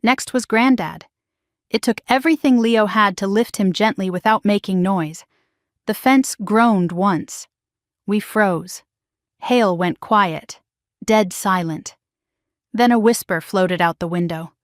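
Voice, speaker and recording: A woman in a mid-range voice narrates a first-person suspense story in a steady, dramatic way. Her delivery is scripted and even. The sound is dry and close, with no room echo. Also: mid-range voice, slow.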